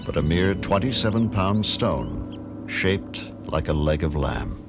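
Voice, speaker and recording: A man reading scripted nature documentary narration in a measured, dramatic storytelling manner. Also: low-pitched, expressive. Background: music.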